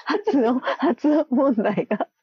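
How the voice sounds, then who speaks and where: A woman's voice: high-pitched, lively intonation, takes it slowly, breathy edge, dry recording. A woman chatting casually with a friend, playfully sounding out made-up syllables and giggling often. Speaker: co-host. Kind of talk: casual chat. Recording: dull lo-fi dry recording.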